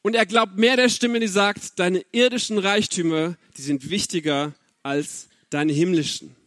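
A man's voice: high voice, fairly even intonation, measured pace, a bit bright, dry recording, clean studio sound. A man in his thirties giving an earnest, personal sermon and speaking straight to his listeners. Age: 30s. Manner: earnest, personal, addressing the audience directly. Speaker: preacher.

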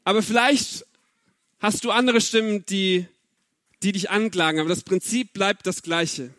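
Speaking straight to his listeners, a thirty-something preacher delivers a heartfelt, personal sermon. He talks at a moderate pace in a high, fairly bright voice, recorded cleanly in a studio without echo.

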